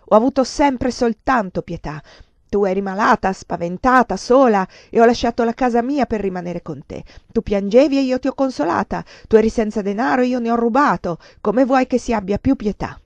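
A woman voicing a ruined man shouting in rage. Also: on the high side, a little fast, no echo, voice pushed up, lightly acted. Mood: furious. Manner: shouting, bitter, accusing. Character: desperate furious man, ruined lover turned thief. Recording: dull lo-fi dry recording.

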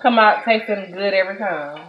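In her small home kitchen at night, a woman in her thirties cooks and chats with viewers for her vlog, calling them "y'all" and scolding her kids. A camera on the counter captures her brisk, mid-range voice with the highs cut off, plus kitchen echo and faint noise.

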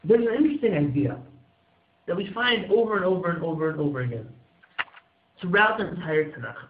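A man with a fairly high voice delivers a motivational religious sermon as a rabbi. He is earnest and exhorting, leaning on repetition and rhetorical questions. The recording is thin like a phone line, with strong room echo. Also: animated, fairly quick. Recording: echoey room, phone-like muffled audio.

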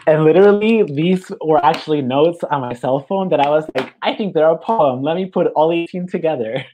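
A poet from Mexico reading their work at a live online reading, excited and laughing between poems and slipping into Spanish phrases. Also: mid-range voice, normal speed, slight background noise, rough recording. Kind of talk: poetry reading.

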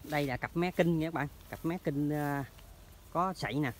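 Người đàn ông giọng miền Tây nói chuyện thân mật ngoài trời. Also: male voice, fairly high pitch, normal speed, a little hiss or hum. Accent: Mekong Delta Vietnamese. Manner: chatty, keeps addressing viewers as friends. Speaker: hunting vlogger. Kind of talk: casual outdoor vlog narration. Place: outdoors in rural orchard and canal banks.

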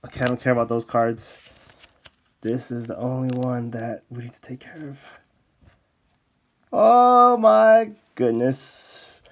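Slow-talking excitable man unboxing cards. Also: slight background noise. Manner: excitable, bursts into high exclamations. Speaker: card-opening YouTuber. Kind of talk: casual unboxing commentary. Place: indoors at a desk, off camera.

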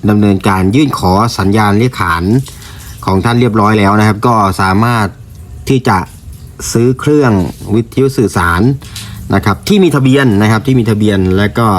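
Casting: male shop presenter, lowish voice, polite informal product explainer, some background noise. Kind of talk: informal product review to camera. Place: indoor room used for recording videos. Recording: clear background noise in room.

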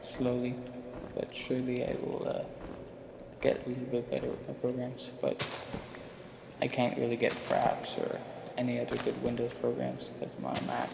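A young man's creaky, medium-pitched voice moves at a moderate pace as he gives rambling, offhand, self-mocking gameplay commentary for YouTube. His retainer causes a slight speech impediment. Behind him are music and noise, in a roomy, echoing recording.

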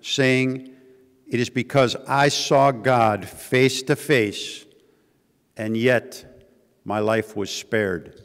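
A man's voice: mid-range voice, fairly even intonation, very slow. A man reading a scripture passage aloud in church. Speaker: scripture reader. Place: church sanctuary. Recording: reverberant hall, somewhat distant.

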